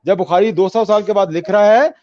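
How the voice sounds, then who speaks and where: Debater, male, high voice, lo-fi call audio, keeps restarting and saying no, no. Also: brisk, a little mellow. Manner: hesitant, stumbling restarts, repeated denials. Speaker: debater defending his faith. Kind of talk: heated online debate.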